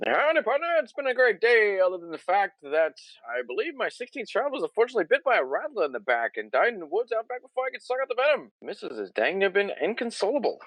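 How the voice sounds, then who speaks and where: A man's voice: sits high, very animated, fast talker, few pauses, a bit bright, no echo, heavily acted, low-quality recording. A man playing a cheerfully grim backwoods rancher on a comedic 1920s-style radio parody, drawling about grisly events.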